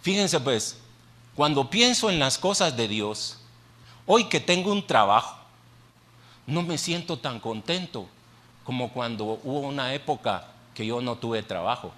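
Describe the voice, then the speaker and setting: A man preaching a sermon to his congregation, speaking at a medium pitch. He keeps a conversational tone, putting questions to the listeners and repeating phrases to drive his points home. He speaks into a microphone in a church. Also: animated, measured pace, fairly bright tone. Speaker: pastor. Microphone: handheld microphone.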